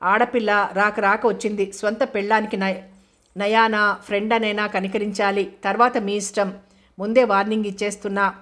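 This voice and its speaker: A woman narrator voices a playful, talkative young female lecturer who teases and sprinkles English phrases through rapid banter. Her pitch sits at a middle height and stays even and flat, close to an everyday voice, with a teasing mood.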